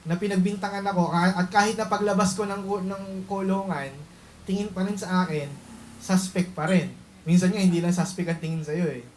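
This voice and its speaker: A woman delivers a Taglish sermon, blending Tagalog and English, speaking emphatically and repeatedly asking the congregation to agree. Her voice is on the low side and a little mellow, though the poor audio has slight background noise.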